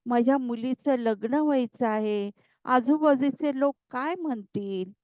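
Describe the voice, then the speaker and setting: Give me an anxious, respectable father, as a woman narrator voices him, pleading in an exasperated way. His lines come slow and a bit high, recorded dry. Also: a little mellow, no echo, dull audio. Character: worried middle-aged father, respectable and exasperated.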